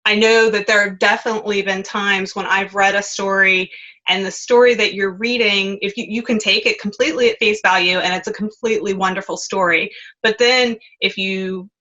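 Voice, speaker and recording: A woman's voice: medium pitch, steady tone, normal speed, pushed and bright. A woman talking as an editor on a panel, conversational and a little hesitant, with frequent "um"s. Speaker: magazine editor and panel guest. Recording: dull lo-fi call audio.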